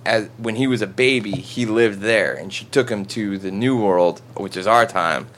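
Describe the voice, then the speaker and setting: Man, casual movie recap chat, lowish voice, profane, joking, faint noise. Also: normal speed, fairly bright tone.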